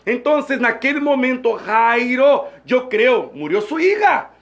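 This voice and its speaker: Man, evangelist sermon, fervent repetitive cadence, very high gravelly voice. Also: big pitch swings, slow pace. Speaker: evangelist preacher. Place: church service with two preachers.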